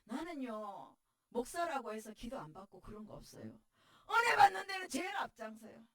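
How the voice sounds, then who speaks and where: A middle-aged woman pastor with a Gyeongsang accent gives a tearful testimony sermon, often breaking into shouts. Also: a little high, sing-song, moderate pace. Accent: Gyeongsang dialect. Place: church sanctuary. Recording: voice distant from the mic.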